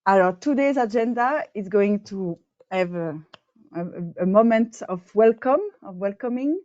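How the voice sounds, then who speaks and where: A woman's voice: medium pitch, lively intonation, unhurried, a little mellow, dry recording. A woman hosting an online meeting, hesitant with many fillers. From Belgium. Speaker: meeting host, co-chair. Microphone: video call. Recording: dull, dry video call audio.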